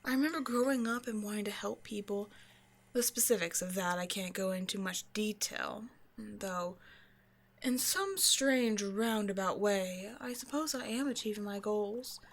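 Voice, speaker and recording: In a scripted ASMR roleplay monologue, a woman plays a cold, century-old female vampire scientist who speaks directly to the listener. Her mid-range delivery is dry, measured and condescending, with a musing mood.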